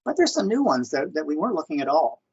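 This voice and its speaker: A man's voice: a little high, sing-song, fast talker, husky. A man giving an online information session presentation, hesitant with many fillers and restarts. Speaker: government conservation presenter. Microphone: computer mic on video call. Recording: muffled lo-fi video call audio.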